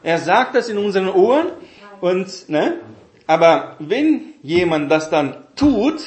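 A man giving a Bible teaching talk in a halting way, with many fillers and tag questions. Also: high voice, big pitch swings, a little mellow, roomy sound. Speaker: preacher.

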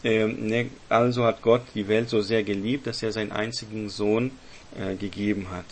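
A man's voice: lowish voice, fairly even intonation, normal speed. A man teaching a Bible study group, explaining step by step and often checking in with his listeners.

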